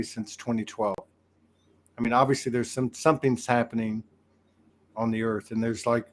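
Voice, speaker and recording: A man hosting a casual interview, teasing and asking loose, searching questions. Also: medium pitch. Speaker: host.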